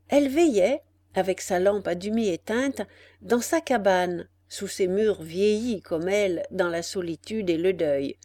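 Slow measured female storyteller. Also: medium pitch, dark tone, no room sound. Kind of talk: scripted narration of a tale.

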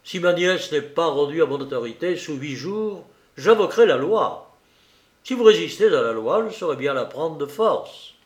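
A man's voice: fairly high pitch, lively intonation, normal speed, natural voice. A man reading a storybook part as a stern, unyielding man who answers curtly and threatens force, in an echoey room. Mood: threatening. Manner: cold, curt, rising to force.

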